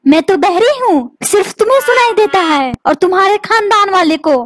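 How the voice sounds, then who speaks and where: A woman's voice: very high voice, animated, moderate pace, a bit bright, slight background noise. A woman voicing a dramatic, quarrelsome cartoon wife who whines and trades insults, with music behind. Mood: sarcastic. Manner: whiny, complaining, insulting. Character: dramatic complaining wife, middle-aged, quarrelsome. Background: background music.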